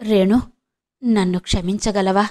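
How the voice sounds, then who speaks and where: A frail old man, read by a woman who speaks in soft, pleading tones. He sounds humble, as if he is asking for help he knows he may not get. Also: mid-range voice, steady tone, unhurried, natural voice.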